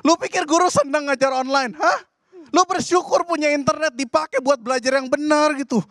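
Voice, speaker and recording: A man's voice: extremely high pitch, steady tone, a little fast, fairly bright tone, no room sound, studio quality. A man from Indonesia doing a stand-up comedy set, ranting in exasperation.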